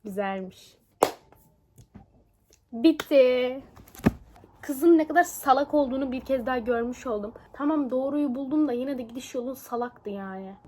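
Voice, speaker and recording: A young woman chatting casually in a book vlog, animated and exclaiming, often laughing. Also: high-pitched, a little fast, few pauses, a little hiss or hum. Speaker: book vlogger.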